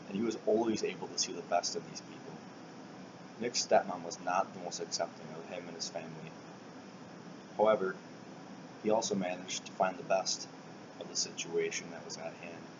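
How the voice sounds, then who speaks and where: Low-voiced man giving a solemn eulogy, noisy recording. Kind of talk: prepared eulogy speech. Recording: dull lo-fi recording, loud air-conditioning hiss.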